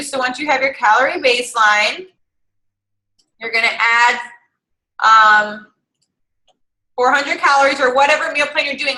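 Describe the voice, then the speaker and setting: Bright, high-voiced chatty woman coach. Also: roomy sound, low-quality recording. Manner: chatty, encouraging, thinking aloud through calculations. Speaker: fitness coach. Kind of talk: casual online group coaching.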